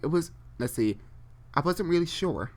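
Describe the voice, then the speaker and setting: Heavy background noise sits behind this live fan fiction reading by an online storyteller with a medium-pitched, lively voice. They read haltingly, repeating and correcting phrases, and break off for chatty, informal asides.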